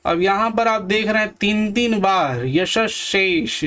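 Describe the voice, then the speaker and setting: High-voiced Hindi grammar teacher drilling words. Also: male voice, sharp tone. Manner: repeats and drills words slowly, quizzing viewers. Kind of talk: exam-prep grammar lesson.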